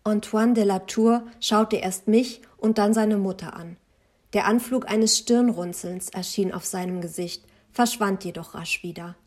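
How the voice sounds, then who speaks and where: A woman's voice: medium pitch, steady tone, a little slow, darkish tone. A woman reading a first-person novel aloud expressively. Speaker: audiobook narrator.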